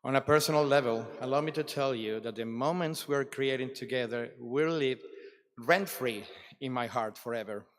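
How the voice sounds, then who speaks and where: A man's voice: medium pitch, a bit bright. Reflective man in a big echoing hall. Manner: reflective, deliberate, with dramatic pauses. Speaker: ceremony speaker. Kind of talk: formal address to a conference. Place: large hall at a ceremony. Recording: long reverb of a large hall.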